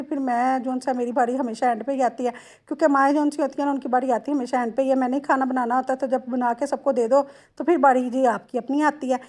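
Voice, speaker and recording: Woman with a Lahori accent, high voice, chatty homely cooking voice-over, talks straight to viewers. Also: darkish tone. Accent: Lahori Punjabi-tinged Urdu. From Lahore, Pakistan. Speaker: home cooking vlogger.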